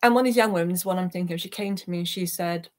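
Racing along in a lowish voice, a woman who works as a peace activist shares a reflective personal account, earnest and heartfelt, during an online interview. She's speaking indoors from a small attic room at home through her computer's microphone on a video call.

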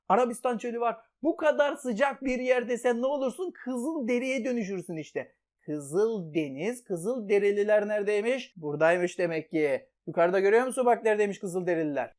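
A woman teaching an exam-prep geography lesson, playful and talking straight to her students as she walks through memory tricks. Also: medium pitch. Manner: lively, playful, addresses students directly.

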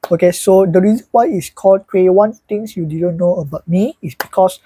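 A twenty-one-year-old YouTuber sits in a small bedroom with a fan, chatting loosely to camera in a casual vlog. His voice is high with a dark tone and a breathy edge, at a moderate pace, and he often says "so yeah" and "alright, guys."

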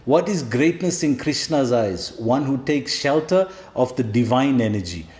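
A man's voice: medium pitch, lively intonation, moderate pace, a little mellow. A man teaching a scripture lesson as a devotional lecture, explaining step by step, posing rhetorical questions and checking in with a questioning "hmm?". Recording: echoey room.

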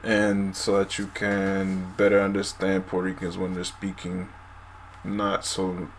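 A man's voice: deep voice, monotone, a little slow. A man in his twenties explaining words casually to a camera at home. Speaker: language video host. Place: small room at home, indoors. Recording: noisy room recording.

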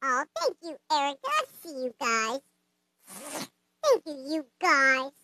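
A man's voice: extremely high pitch, huge pitch swings, slow pace, sharp tone, no echo, exaggerated voice. A performer voicing a brash, flirty male blue puppet who hosts a live stream, cracking crude jokes and cackling often. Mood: chatty, playful.

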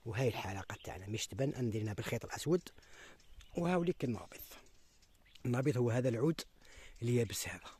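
A man with an Algerian Arabic accent demonstrates a hunting method outdoors, step by step. He talks straight to his viewers and often drops into a hushed whisper. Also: mid-range voice, a little hiss or hum. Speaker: hunting tutorial host.

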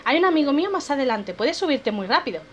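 A woman's voice: sits high, very animated, fast talker, dull audio. A woman reading a kind, caring young male character from a game in an earnest, plain voice, over game music.

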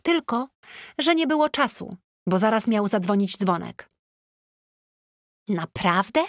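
A woman narrating an audiobook in the first person with a chatty, lively teenage-diary tone, recorded on a close studio mic. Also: a little high, moderate pace, no echo.

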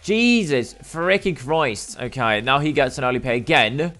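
A young man giving excitable, slangy gameplay commentary while gambling in a game, swearing and swinging between hype and groans. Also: mid-range voice, normal speed, soft background music. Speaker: gaming YouTuber.

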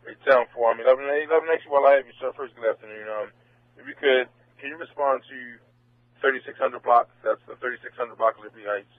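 A man's voice: mid-range voice, quick pace, no echo, phone-quality sound. A man working as a police dispatcher, calling out assignments over a thin police radio.

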